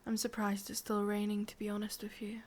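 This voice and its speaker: Playing a lovelorn ancient witch in an ASMR roleplay, an English-accented woman whispers softly and breathily, pausing as she muses. Her medium-pitched, monotone voice sounds close to everyday speech, and her mood is musing and guarded.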